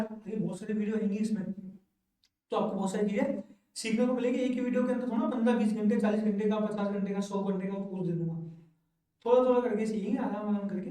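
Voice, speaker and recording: A man teaching English pronunciation in a classroom lesson, slowly repeating each word twice for learners to echo. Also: high-pitched, a little mellow. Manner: says each word twice, slow drilling. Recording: very echoey room, voice from far off.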